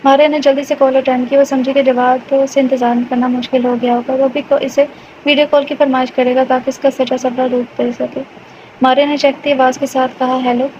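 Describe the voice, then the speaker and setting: A woman narrating a romance audio novel in a steady, matter-of-fact reading. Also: high voice. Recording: dull lo-fi with faint hiss.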